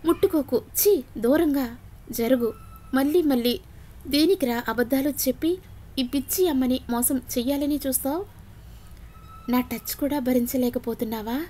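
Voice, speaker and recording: A woman's voice: sits high, moderate pace, long pauses, dark tone. A woman voicing a middle-aged mother who confronts her son with bitter, accusing questions. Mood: disgusted.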